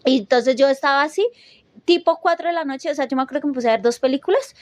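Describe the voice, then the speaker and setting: A woman with a high, bright-pitched voice tells a chilling personal story in casual podcast chat. She talks in an animated way, restarting sentences and acting out her own reactions. The sound is dry and close to the mic. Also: quick pace, dry recording.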